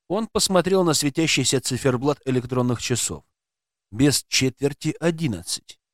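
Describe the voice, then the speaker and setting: A man narrating an audiobook with a lively, dramatic delivery. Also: medium pitch, dry recording, studio quality.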